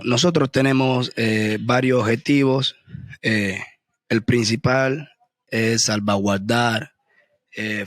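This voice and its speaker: A man with a Colombian accent giving measured, halting interview answers as a musician. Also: on the low side, no echo, studio quality. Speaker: musician, group member being interviewed.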